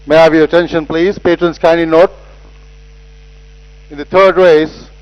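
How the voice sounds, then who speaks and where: A man with a high voice reads formal racecourse announcements, and each item comes twice. His voice comes through loudspeakers, distant and dull-toned, as if caught from across an open racecourse. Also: level tone, moderate pace. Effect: heard through loudspeakers. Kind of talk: public address announcement. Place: outdoor racecourse.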